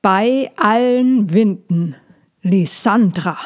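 A woman voicing an old, imperious female elder dragon in a storybook reading, booming, slow and grumbling. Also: animated, a little mellow.

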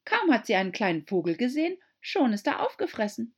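A woman voicing a curious, polite young girl in an audiobook, speaking high and eagerly. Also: sing-song, measured pace, a little mellow, breathy edge, full character voice.

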